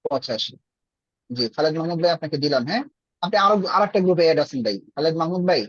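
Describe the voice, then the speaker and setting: A man's voice: on the high side, expressive, quick pace, no room sound. Man, teacher, online class, patient, everyday examples, dry, muffled. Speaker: Arabic teacher. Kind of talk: online class over a group call.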